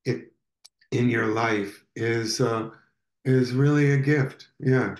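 A man in a relaxed interview, telling stories in a voice of middle pitch. He hesitates often and restarts his sentences. The room gives his voice a clear echo. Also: slow. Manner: storytelling, hesitant, many fillers and restarts. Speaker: interview guest, performer. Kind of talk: casual interview conversation.

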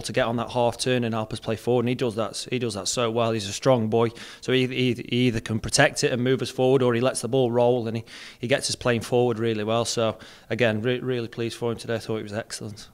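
Standing indoors before a sponsor backdrop, a young man who captains a football club talks after the match into a handheld mic held close. He speaks plainly and in a measured way, repeating words while thinking, with a mid-range voice and level tone.

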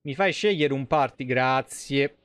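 A medium-pitched, slightly slow and slightly bright male voice, smooth with no room sound. The game streamer, in his thirties, riffs casually with jokes and profanity during live play, recorded on a close mic in a small home streaming room.

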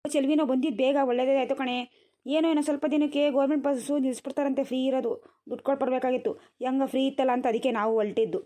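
A grumbling middle-aged village mother-in-law, voiced by a woman in a comic cartoon, sighing and complaining. Her voice sits a little high and she talks at a quick clip. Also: steady tone, warm tone, natural voice. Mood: tired. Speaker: cartoon voice actor.

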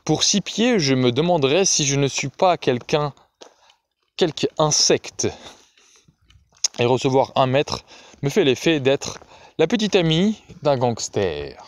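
A man's voice: mid-range voice, big pitch swings, unhurried, long pauses, no echo, pitched above the performer's own voice. A man reading aloud and voicing Daisy, a playful woman calling from another room in a lighter, raised voice.

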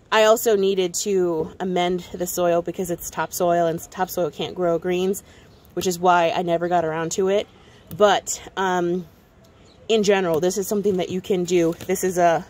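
On an unscripted garden tour from her home deck, a gardening vlogger chats casually and points things out as she explains them. Her voice is lowish, with slight background noise.

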